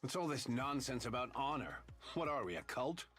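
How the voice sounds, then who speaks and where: A man's voice: medium pitch, sing-song, moderate pace, fairly bright tone, soft background music. An actor playing a blunt, weary male military commander in a game, dry and exasperated. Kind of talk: game voice acting.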